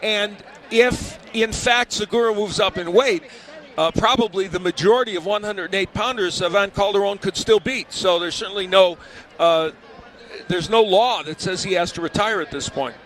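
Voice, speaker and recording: A man's voice: high-pitched, normal speed, fairly bright tone. A man giving live boxing analysis, explaining the action in a raised voice over the arena. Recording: clear arena noise behind the voice.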